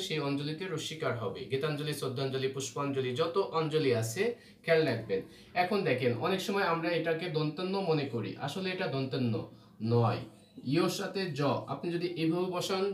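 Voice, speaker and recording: A man with a voice on the high side teaches Bengali spelling rules for exams. He explains patiently and keeps checking that students follow, often asking "ঠিক আছে?". He is far from the mic, so the sound is roomy and echoey with a faint hum.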